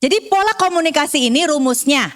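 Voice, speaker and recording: A woman counselor gives a seminar talk to parents in a high, bright voice. She explains patiently and acts out short parent and child exchanges. She guides breathing counts slowly and softly. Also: lively intonation.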